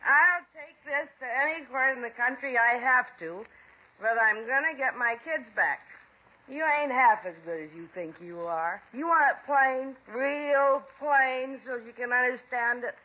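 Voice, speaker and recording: On a dull-sounding old radio broadcast, an actress in a 1950s drama plays a bitter, defiant mother. Speaking a little slowly, she turns shrill and accusing, then slides into self-pitying whining.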